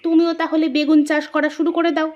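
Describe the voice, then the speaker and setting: A woman's voice: high-pitched, monotone, quick pace, darkish tone, highs cut off, close to an everyday voice. A woman voicing a practical village wife in a cartoon, speaking in a chiding way.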